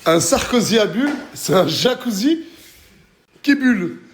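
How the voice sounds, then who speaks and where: A man presents a casual vlog. He talks in excitable, familiar street slang, slipping easily between banter and product pitch. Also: a little slow, a little hiss or hum. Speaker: vlogger and product promoter.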